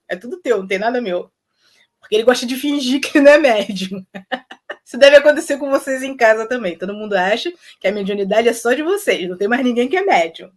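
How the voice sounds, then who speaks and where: Animated woman telling stories. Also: on the high side. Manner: animated, laughs often, acts out quoted dialogue. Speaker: spiritual content creator. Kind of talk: casual storytelling to camera.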